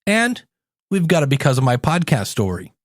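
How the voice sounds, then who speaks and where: An American man from Ohio hosts a solo podcast, coaching and teaching his listeners in a direct, conversational way. His voice is a little high and very animated, at a moderate pace, with clean studio sound and no echo.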